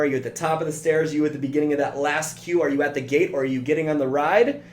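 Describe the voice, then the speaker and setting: A man giving a motivational training talk as a coach, earnest and speaking straight to the listener. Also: mid-range voice. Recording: roomy with faint hum.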